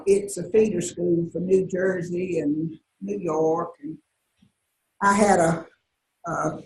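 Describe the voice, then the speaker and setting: A woman's voice: mid-range voice, creaky, a little mellow. An older woman with a Southern US accent telling folksy stories to an audience and laughing often. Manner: folksy storytelling, frequent laughs. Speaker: guest speaker. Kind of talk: anecdotal talk to an audience. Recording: roomy echo, distant mic, faint hiss.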